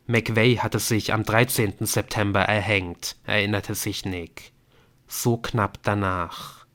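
Slow, low-voiced male narrator. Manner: measured, even storytelling. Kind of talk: audiobook narration.

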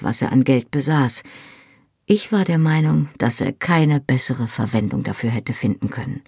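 Measured first-person audiobook narration, husky voice with some gravel. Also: medium pitch, darkish tone, no room sound, studio quality. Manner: measured, storytelling. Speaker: audiobook reader.

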